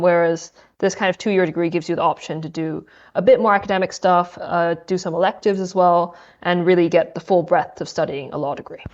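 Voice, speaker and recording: A young adult woman from Hong Kong, a law student, appears as a guest in a casual podcast interview chat. Her lowish, darkish voice comes through a muffled recording as she answers questions thoughtfully, with some hesitation.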